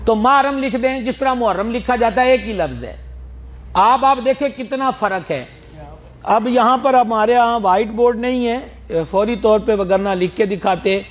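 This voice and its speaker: A man teaching Quran pronunciation, drawing out letter sounds slowly, sometimes chanting, and joking with his students. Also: very high-pitched. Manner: slow drawn-out letter drills, sometimes chanted; friendly teasing asides to students. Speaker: religious teacher. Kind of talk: Quran recitation lesson.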